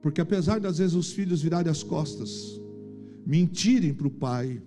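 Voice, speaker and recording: High-voiced Brazilian pastor preaching. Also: male voice, moderate pace, music in the background. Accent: Brazilian Portuguese. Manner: emphatic, animated preaching. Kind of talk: sermon. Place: church.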